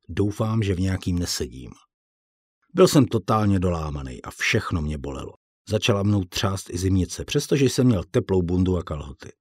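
A man's voice: deep voice, a little mellow, slightly rough, no room sound, studio quality. A man narrating an audiobook in the first person, in a blunt, colloquial way with casual swearing.

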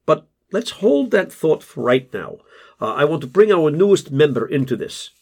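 A man voicing a calm, soft-spoken male group therapist who speaks in a measured, gently probing way. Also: a little high, gravelly, breathy edge, heavily acted.

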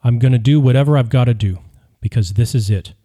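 Earnest, hopeful man about to be a father, as a narrator reads him, dark and mellow in an audiobook. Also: medium pitch, quick pace, lightly acted.

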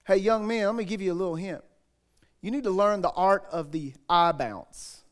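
A man's voice: sits high, moderate pace. A male pastor preaching a sermon in a conversational, joking way with asides to the congregation.

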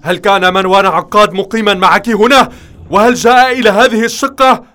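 Menacing hitman yelling orders, higher and bright, as the narrator puts him on. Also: fairly even intonation, fairly quick. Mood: interrogating. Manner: barking, menacing commands. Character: ruthless male hitman, threatening and cruel.

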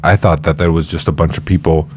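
Man, very low pitch, casual podcast co-host, loose informal delivery, noisy background. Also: little pitch movement, quick pace. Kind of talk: casual chat.

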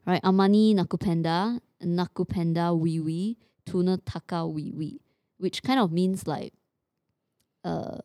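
Speaking at a measured pace in a lowish, dark voice, a Singaporean-accented woman co-hosts a podcast and chats casually, switching back and forth between English and Mandarin. The audio is studio quality with no echo.

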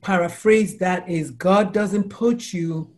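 A woman in her forties or older, a doctor and life coach from the United States, chatting casually in an interview and telling animated stories, with quotes acted out in high exclamations. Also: takes it slowly. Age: 40s or older.

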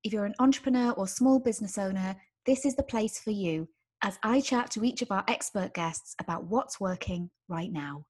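A woman's voice: mid-range voice, moderate pace, a little mellow. A woman hosting a marketing podcast, upbeat and encouraging as she interviews a guest after a scripted intro. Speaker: podcast host.

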